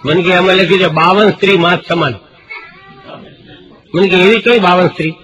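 A man's voice: high-pitched, a little fast, highs cut off, a crowd in the background. Gujarati stand-up man telling comic stories. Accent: Kathiawadi Gujarati. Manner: animated storyteller, switches into hushed voices for quoted people. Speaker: stand-up comedian. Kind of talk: Gujarati folk stand-up storytelling.

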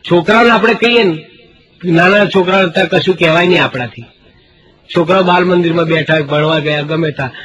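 A man's voice: a little high, fast, poor audio. A middle-aged Gujarati man telling comic stories on stage, acting out the voices of the people in them. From Gujarat, India. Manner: animated, acts out quoted voices for jokes. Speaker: stand-up comedian. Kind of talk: stand-up comedy storytelling. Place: stage before a live audience. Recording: live show with loud crowd laughter.

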